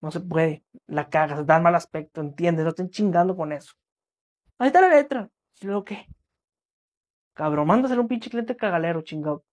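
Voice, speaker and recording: A man's voice: a little high, brisk. A young Mexican man with a Mexican accent, a vlogger and musician talking in casual comedic sketches, full of slang and jokes. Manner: slangy, joking, mock voices in quotes.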